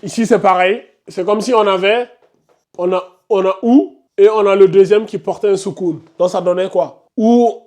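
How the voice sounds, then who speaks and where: A man's voice: high voice, steady tone, moderate pace, darkish tone. A man teaching a Quran recitation class. He repeats his explanations step by step and scolds students who are not following. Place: classroom with a board.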